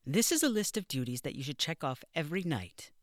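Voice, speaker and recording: A man's voice: on the high side, sing-song, a little fast, a bit bright, no echo, clean studio sound, voice pushed up. A man voicing a stern, suspicious woman in her fifties who runs a nursing home, speaking in a cold, clipped, commanding way.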